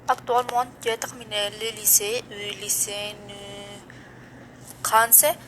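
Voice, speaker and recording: Slow, flat-voiced teenage girl. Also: medium pitch, slight background noise, rough recording. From Mexico. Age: teens. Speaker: student. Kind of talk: reading a self-introduction.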